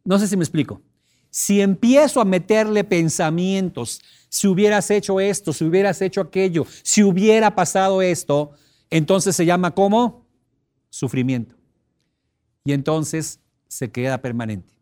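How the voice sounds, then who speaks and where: A middle-aged man giving an expressive teleseminar talk, emphatic and repetitive, breaking into sudden loud cries to illustrate a point. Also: sits high, moderate pace. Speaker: personal development teleseminar speaker.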